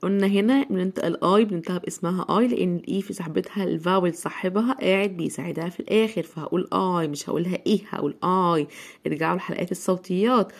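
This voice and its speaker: A woman with an Egyptian Arabic accent teaching a children's English lesson, repeating each word slowly. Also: fairly low pitch, a little mellow, slightly rough. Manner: slow, drawn-out repetition of words for children.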